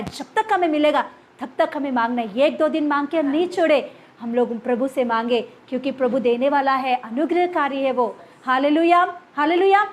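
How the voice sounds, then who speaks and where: Very high-voiced woman preaching. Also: slight background noise. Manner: animated storytelling with repeated hallelujahs. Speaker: pastor. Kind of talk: storytelling sermon.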